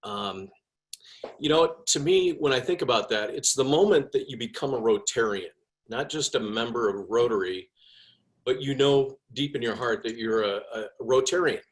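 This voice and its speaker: A man's voice: mid-range voice, moderate pace. A man, a past club president, shares a personal story. His delivery is casual and enthusiastic, with a mid-range voice. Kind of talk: personal speech.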